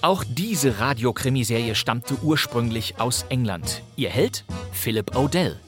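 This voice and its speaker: A man's voice: medium pitch, expressive, measured pace, music in the background. A man hosting a programme with scripted narration, in a studio. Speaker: host and narrator. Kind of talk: scripted narration about old radio dramas. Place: dry studio with music behind.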